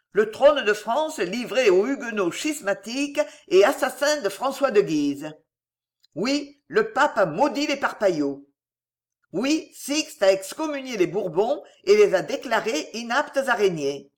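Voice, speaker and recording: A reader voicing a proud, fierce aristocratic mother who speaks in a fiery, declamatory way. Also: mid-range voice.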